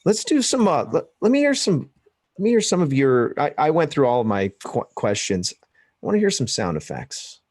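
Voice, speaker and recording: A man's voice: fairly high pitch, wildly swooping pitch, moderate pace, a little mellow, no echo. Man hosting a podcast, dry sound. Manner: rambling, hesitant, lots of fillers. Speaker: podcast host. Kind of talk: casual podcast chat.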